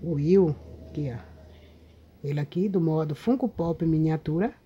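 A Brazilian woman with a lowish, mellow voice chats to her viewers, often checking in with little tag questions. She is recorded outdoors, and a faint ambience sits behind her. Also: normal speed, dull audio, slight background noise. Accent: Brazilian Portuguese. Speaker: paper craft video maker. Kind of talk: casual show-and-tell vlog. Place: outdoors in a windy spot.

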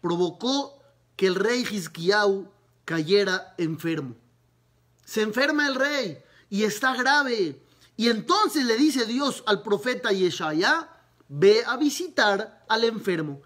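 A man, a rabbi, teaching a Talmud lesson, retelling a story with lively narration and rhetorical questions. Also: high voice, takes it slowly.

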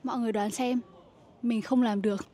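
A woman's voice: on the high side, steady tone, a little fast, noisy background. A young woman vlogging casually to her viewers about study tips, chatty and self-deprecating, sounding words out as she practises. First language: Vietnamese. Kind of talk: casual vlog talk to viewers.

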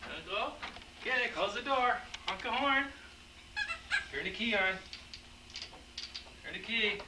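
Man filming a home video, old VHS tape sound, camcorder mic, lively pitch, faint hiss. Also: measured pace. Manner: chatty narrating while filming, coaxing a toddler. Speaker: family member filming at home. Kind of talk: casual home-video narration. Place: home living room on Christmas morning. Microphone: camcorder built-in mic, operator behind camera.

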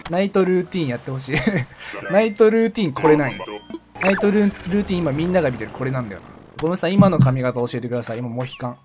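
Chatty young man with lively swings. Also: on the high side, quick pace. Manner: chatty, laughs often, sudden loud outbursts. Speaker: game streamer. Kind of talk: casual game commentary. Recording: game music playing behind the voice. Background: background game music.

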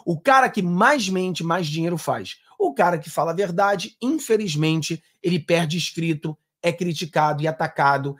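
A Brazilian political commentator in his thirties reacts live to political clips on a stream, speaking earnestly and emphatically and gesturing with his hands. His expressive voice sits a little higher than most men's, at normal speed with hardly any pauses, and carries a Brazilian Portuguese accent. He wears over-ear headphones and uses a desk mic in a small home studio.

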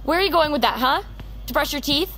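A young adult actress with a high-pitched, expressive, slightly bright voice speaks quickly as a headstrong young American woman in a naturalistic audio drama. Stubborn and wounded, she sounds anxious and pleading.

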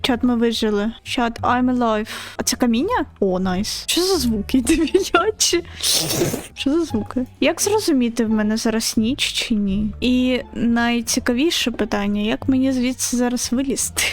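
A woman's voice: fairly high pitch, animated, normal speed. A young woman streaming a game, chatting casually and squealing and laughing when she gets scared. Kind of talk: casual gaming commentary.

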